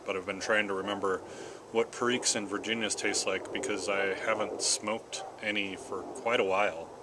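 In a backyard garden, a middle-aged American vlogger chats casually to the camera in an unhurried, halting solo ramble, puffing on a pipe between phrases. His voice is lowish and steady. The camera sits about arm's length away or a bit farther, and outdoor background noise comes through clearly.

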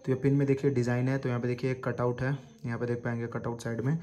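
In this casual tech tutorial, a male host walks viewers through putting a hard drive into a desktop PC indoors. He talks fast at a medium pitch, flat and repetitive with fillers. Background noise fills the home recording.

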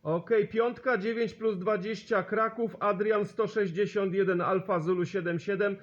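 On a radio recording with the highs cut off, a sociable man hosting a CB channel chats through amateur radio contacts, exchanging signal reports and repeating call signs and sign-offs. His voice is high, with fairly even intonation at normal speed.

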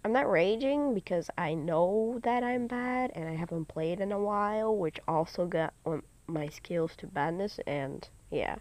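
Teen girl gamer, hyper and giggly, rambling with "like"; slow-paced, clean dry phone-mic sound. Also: fairly low pitch, expressive, a little mellow, no room sound. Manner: rambling, filler-heavy chatter with lots of "like". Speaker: gaming channel host. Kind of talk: casual let's-play commentary. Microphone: phone screen recording mic.

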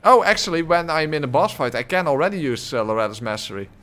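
A man gives casual live commentary while playing a game and responding to chat, his mouth close to a desk mic. He talks quickly with lively intonation in a slightly high, fairly bright voice, wandering along with lots of fillers and little laughs.

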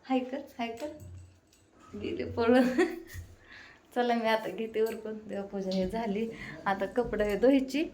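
A woman's voice: on the high side, fairly even intonation, a little slow, pauses often, mellow, a little hiss or hum. A woman in her thirties, a mother chatting casually to her viewers while doing chores at home. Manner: chatty, talks straight to viewers while busy. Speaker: mother and vlogger. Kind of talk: casual home vlog chat. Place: home, kitchen. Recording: echoey room.

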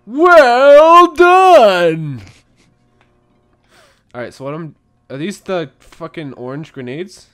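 A young man casually chatting while playing a video game, excitable and swearing, with sudden loud yells. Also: fairly high pitch, normal speed, soft background music. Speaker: let's play co-host. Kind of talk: casual gaming chat.

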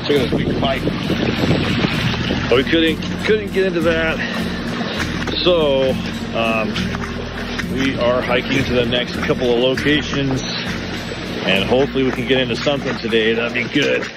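A man's voice: medium pitch, normal speed, pauses often, loud music behind the voice. Laid-back man vlogging outdoors. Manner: laid-back, chatty, many fillers. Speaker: vlogger exploring mines. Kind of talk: casual vlog narration. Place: outdoors hiking and inside mine tunnels.

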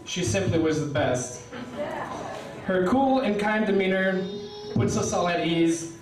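A young man reading a rhyming best-man toast aloud from paper at a wedding reception, pausing for laughs. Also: sits high, lively intonation. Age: young adult. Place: wedding reception hall, indoors. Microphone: stand mic, filmed by a far camera. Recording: roomy hall audio from a distant camera. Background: guests laughing.

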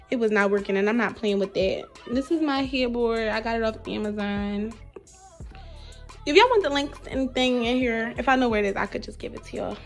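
In a creaky, mid-range voice, a young woman who is a college freshman shows off her small dorm room. She's chatty, lists her things one by one, and talks to her viewers as "y'all."

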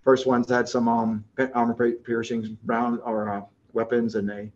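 Man giving a rambling, animated talk. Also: medium pitch, moderate pace, highs cut off. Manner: animated, rambling with many restarts and fillers. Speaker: NASA associate director giving a talk. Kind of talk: conference talk.

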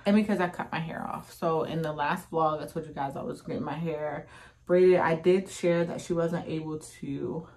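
Woman in her 30s, pretty low voice, just chatting to viewers at home on a phone cam. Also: steady tone, moderate pace, darkish tone. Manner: chatty, talks straight to viewers. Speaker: vlogger. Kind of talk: casual vlog chat. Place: home room, indoors. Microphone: phone or camera at close range.

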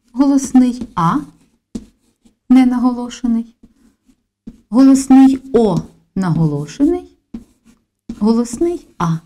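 A woman teacher talks through a lesson with slow, careful deliberation. Her voice is mellow with soft edges, and her pitch roams up and down as she emphasizes every step.

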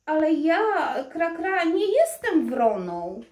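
A woman voicing a spoiled young princess turned into a crow, cawing in a high plaintive voice. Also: big pitch swings, slow, darkish tone, full character voice. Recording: roomy echo.

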